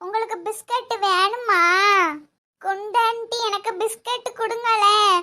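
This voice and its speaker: A very high, bright voice plays a grown woman behaving like a five-year-old in a cartoon, acted by a woman. She whines and sing-songs in a Kanyakumari Tamil accent, with a sharp, piping edge to every word. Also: steady tone, a little slow, full character voice. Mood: whiny. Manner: childish, whiny, sing-song. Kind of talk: cartoon voice acting.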